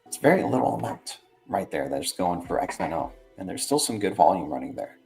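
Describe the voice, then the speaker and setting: Male streamer, deeper side, informal rambling commentary with slangy check-in tags, light music bed. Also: sing-song, fairly quick, creaky, a little mellow. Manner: rambling, slangy, often ends phrases with "right" and "man". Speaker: livestream host. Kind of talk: casual livestream market commentary.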